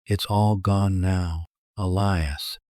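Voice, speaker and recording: A man's voice: deep voice, fairly even intonation, very slow, warm tone, no room sound, studio quality. A man voicing a defiant, guilt-ridden accomplice resigned to death in a horror story, grim and accusing. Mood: grim conviction. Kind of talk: acted dialogue in horror storytelling.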